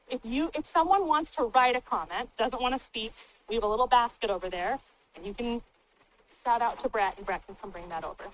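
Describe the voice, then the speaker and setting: This is a woman on city staff leading a public town hall, booming loudly into a handheld microphone with a little hiss or hum audible. Her manner stays upbeat, casual and plain-spoken.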